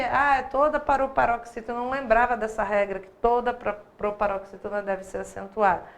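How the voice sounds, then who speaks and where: A woman with a Brazilian accent teaching a live online grammar class, in a conversational manner with many rhetorical questions. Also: on the high side. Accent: Brazilian Portuguese. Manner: conversational, asks rhetorical "né?" often.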